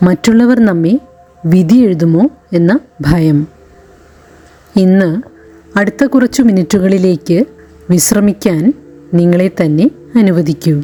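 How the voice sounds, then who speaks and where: A woman guides a meditation in a slow, mellow, lowish voice. She speaks gently and soothingly in short phrases separated by long pauses, with music playing in the background.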